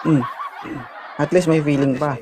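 Teasing high-voiced man streamer. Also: level tone, unhurried. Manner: teasing, dry roasting. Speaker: live streamer. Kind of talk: casual live-stream banter. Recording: noisy live-stream audio.

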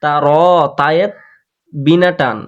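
Guy teaching quran recitation, slow and a bit high, dull lo-fi sound. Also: a bit bright. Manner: slow drawn-out chanted demonstrations between quick explanations. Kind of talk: tajweed lesson, explaining and demonstrating recitation. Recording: dull lo-fi voice recording.

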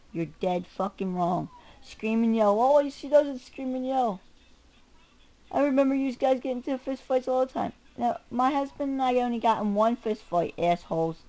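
A gravelly, dark-toned, mid-range voice belongs to a middle-aged vlogger ranting angrily to her camera. She curses and hammers her words, alternating between muttering and loud outbursts, all on a rough recording.

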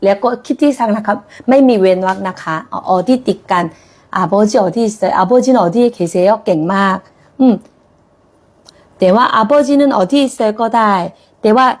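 A woman with a brisk, mid-range voice teaches a Korean language lesson, modeling example sentences in a patient, encouraging way.

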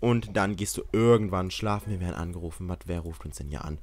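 A young man commentating a life-sim game he is playing, excitable and swearing, often yelling in mock outrage. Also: low-pitched, quick pace. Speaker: gaming YouTuber. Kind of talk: Let's Play commentary.

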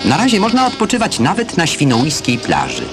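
A man narrating a 1970s newsreel voice-over, crisp and declamatory commentary read over footage. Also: on the high side, wildly swooping pitch, fairly quick. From Poland. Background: loud film score music.

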